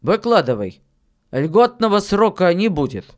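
A reader voicing a stern, grumbling old village miller in an audiobook reading of a fairy tale, speaking louder and more forcefully than the narration. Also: mid-range voice, big pitch swings, measured pace. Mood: stern scolding.

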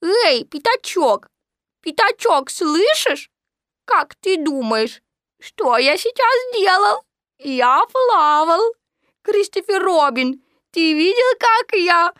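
A tiny young kangaroo boy squeaks high and drags every word out slowly, as a woman reads him aloud. His voice is bright and thin, recorded close and dry. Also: expressive, no echo, full character voice. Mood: gleeful, boastful. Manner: squeaky, drawn-out boastful cries. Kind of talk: storybook read-aloud.

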